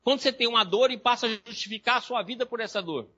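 A lecturer with a Brazilian Portuguese accent teaches a live class in a high, bright voice. He tells lively stories and acts out his patients' voices along the way. The recording is dry and a little dull. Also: fast talker, no echo.

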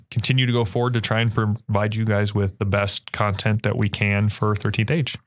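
A man's voice: fairly low pitch, fairly bright tone. A man hosting a casual podcast chat, steering the talk and often chiming in with short agreements. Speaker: podcast host.

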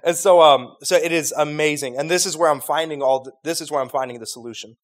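Slangy, ironic young male youth preacher, higher voice. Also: quick pace. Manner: jokey, ironic Gen Z slang delivery with mock-serious emphasis. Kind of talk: casual, slangy sermon.

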